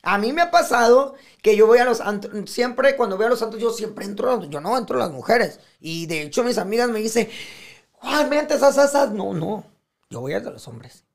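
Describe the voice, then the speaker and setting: Gravelly Mexican man, animated and profane. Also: high-pitched, normal speed. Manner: animated, profane, acts out quoted speech. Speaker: podcast guest. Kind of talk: casual podcast conversation.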